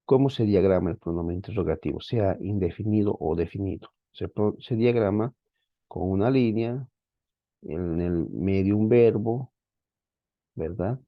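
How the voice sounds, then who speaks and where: A fairly low-voiced man gives an online grammar lesson. He is patient, repeats points and keeps checking in with his students. The sound is dry and a little dull, as from a plain lo-fi mic. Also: measured pace, no room sound. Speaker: Greek teacher. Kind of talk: online class lecture.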